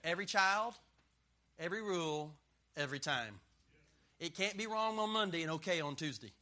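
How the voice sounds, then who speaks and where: A man's voice: fairly high pitch, animated, normal speed, pushed and bright. A middle-aged man preaching a sermon as a pastor, emphatic and punchy, joking and drawing call-and-response from the crowd.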